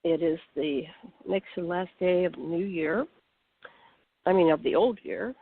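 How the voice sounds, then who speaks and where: Over a tinny phone line, a woman with a lowish, unhurried voice hosts a casual radio talk show, and the recording itself is dry. She chats in an easygoing, rambling way, narrating her own actions as she sets up her guest.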